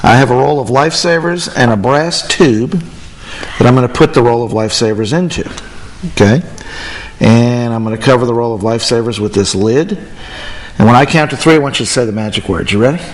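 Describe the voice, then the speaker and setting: A man's voice: mid-range voice, fairly quick. Guy doing kids party magician patter, hosting a children's show, asks lots of questions. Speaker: host of a kids' magic and learning show. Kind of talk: kids' show presenting.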